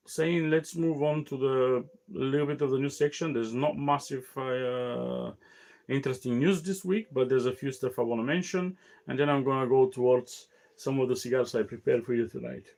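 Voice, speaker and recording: Halting, tired man hosting a cigar show. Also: medium pitch, vocal fry, darkish tone. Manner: halting, many fillers and restarts. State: tired, yawning. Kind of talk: casual solo talk show.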